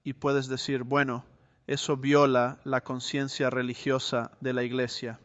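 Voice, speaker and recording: Smooth-voiced male preacher teaching scripture. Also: medium pitch, little pitch movement, measured pace, dry recording, dull audio. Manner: expository Bible teaching, reading verses aloud. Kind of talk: sermon.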